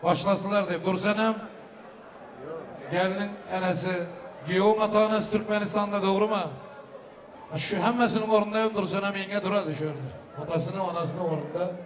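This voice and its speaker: A man working as a booming wedding announcer, hosting live and ceremoniously calling out blessings and requests for applause. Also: level tone, brisk. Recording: live hall with crowd noise. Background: crowd and ambient noise.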